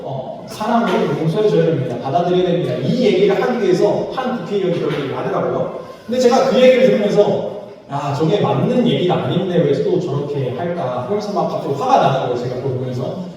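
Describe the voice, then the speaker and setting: A man's voice: a little high, mellow, slight background noise. A man preaching a sermon as pastor, speaking conversationally and acting out quoted dialogue. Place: church sanctuary. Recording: echoey church hall, mic from far off.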